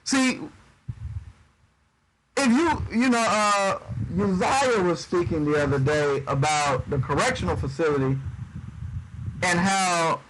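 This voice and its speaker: On a livestream mic, a man teaches the Bible in a laid-back, conversational preaching style, reading scripture aloud and riffing on it. His voice is high and he goes slowly with long pauses, saying "y'all" in a Southern way and often stumbling and repeating words. The recording is rough, with a little hiss or hum.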